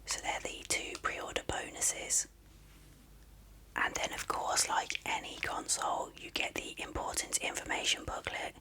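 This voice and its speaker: This video presenter hosts an ASMR unboxing, speaking in a soft, breathy whisper with no voicing. The explanations come slowly and gently.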